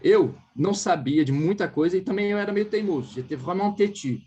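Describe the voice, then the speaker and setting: A man's voice: high voice, lively intonation, fairly quick, mellow, a little hiss or hum. A man with a Brazilian Portuguese accent giving a casual one-on-one French lesson, explaining patiently, modelling sounds for his student to repeat and often checking that she follows. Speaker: French teacher.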